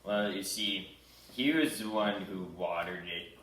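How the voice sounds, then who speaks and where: Low-voiced young man, hesitant witness. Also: fairly bright tone, a little hiss or hum. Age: young adult. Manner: halting, hesitant testimony with fillers. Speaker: mock trial witness. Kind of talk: improvised comedy sketch. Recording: roomy echo, distant mic.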